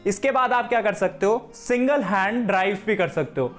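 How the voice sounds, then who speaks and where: A man's voice: high-pitched, normal speed, fairly bright tone, faint music behind. Young man coaching cricket drills at home. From Haryana, India. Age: young adult. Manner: friendly instructive, addresses viewers as friends. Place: room at home, indoors.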